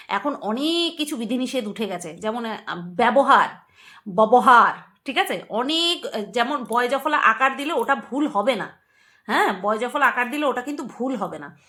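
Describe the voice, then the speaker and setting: Bright-voiced chatty woman vlogger. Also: on the high side. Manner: chatty and emphatic, repeats words playfully, laughs often. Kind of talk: casual commentary to camera.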